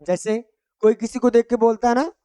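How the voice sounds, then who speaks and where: A man with a very high, mellow, smooth voice speaks quickly and with little pitch movement in a Hindi-language English lesson, recorded dry. He repeats everyday phrases, quizzes the listener again and again on each, and keeps his explanations simple and homely.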